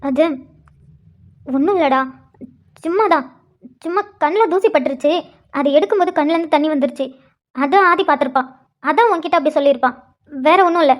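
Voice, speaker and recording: A woman's voice: sits high, brisk, pauses often, lightly acted. A woman voicing an affectionate elder sister who deflects and hesitates when questioned, in a cartoon. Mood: evasive. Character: tender, evasive elder sister. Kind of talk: cartoon voice acting.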